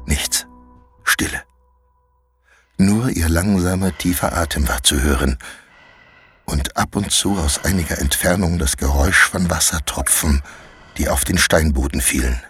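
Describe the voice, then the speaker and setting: A man narrating a fantasy audiobook chapter in a measured, dramatic storytelling manner. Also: extremely low pitch, fairly bright tone, breathy edge. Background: faint music.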